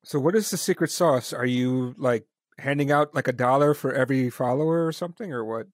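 A man's voice: mid-range voice, a little fast, no echo, studio quality. Upbeat joking male podcast host. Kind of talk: casual live-stream interview.

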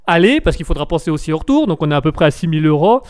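High-voiced tired male host, joking. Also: expressive, rapid-fire, a little mellow, smooth, no room sound, studio quality. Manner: rambling, joking, stumbling and correcting himself. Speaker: host of a live call-in show. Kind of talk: jokey live show news commentary.

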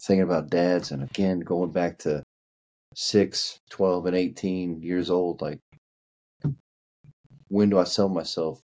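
A man's voice: deep voice, fairly even intonation, slow, long pauses, darkish tone. A man with a Kentucky accent talking casually as a podcast guest, often repeating and restarting words as he searches for them. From Kentucky, United States.

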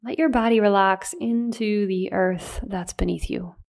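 A woman with a medium-pitched voice guides a meditation. Her delivery is soothing and unhurried. She leaves gentle pauses between her phrases, giving each instruction room. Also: fairly even intonation, creaky.

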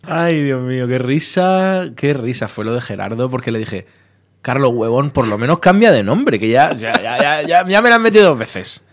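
A man, a radio station manager being interviewed, telling stories in a lively way and acting out dialogue. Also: mid-range voice. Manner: lively, animated storyteller, quick to act out dialogue. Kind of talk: casual interview talk.

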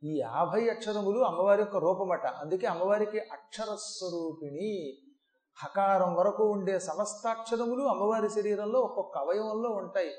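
High-voiced man giving an animated scripture discourse. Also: normal speed. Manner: animated, changes voice to dramatize verses. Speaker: Puranic discourse speaker. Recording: echoey hall recording.

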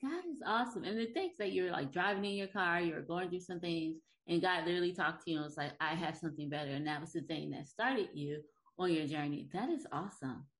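A woman's voice: on the low side, expressive, fairly quick. A woman hosting a faith podcast, responding with affirming, encouraging remarks. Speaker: podcast host. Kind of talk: interview host.

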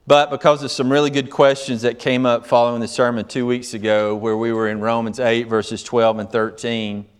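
A pastor preaching a sermon, steady and measured, stretching key phrases slowly for emphasis. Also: male voice, fairly low pitch, clean tone.

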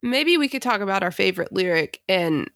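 A woman's voice: medium pitch, lively intonation, fairly quick, gravelly, a bit bright, dry recording, studio quality. A woman co-hosting a podcast, talking in a laid-back, slangy way and chuckling as she chats about a song. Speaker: podcast co-host. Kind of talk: casual chat reviewing songs.

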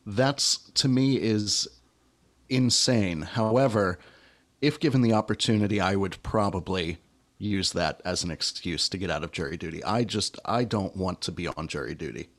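A man's voice: sits low, moderate pace. A man hosting a podcast, easygoing, leading the topics in casual chat. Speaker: podcast host.

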